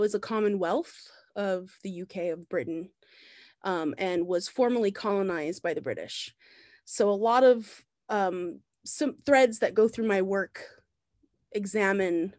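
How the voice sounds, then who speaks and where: A woman's voice: medium pitch, no echo, studio quality. A woman in her thirties, raised in the Bahamas, gives an easygoing slide talk over a video call, with many ums and restarts. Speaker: visiting artist giving a talk. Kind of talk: presenting slides in a lecture.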